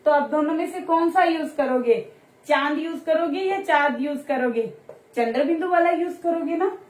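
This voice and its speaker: A woman teacher explains grammar to young children in a friendly, encouraging way. Her voice sits high and light, and she stretches out example words so the kids can follow. The recording carries a noticeable room echo. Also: normal speed. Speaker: Hindi teacher. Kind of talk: online grammar lesson for children. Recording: roomy echo.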